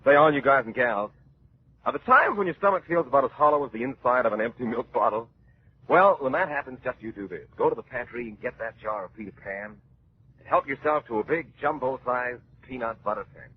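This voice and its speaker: A man announcing in vintage radio style, a folksy, enthusiastic pitchman and dramatic story narrator. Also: expressive, a little fast, husky, dry recording. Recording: muffled old radio recording.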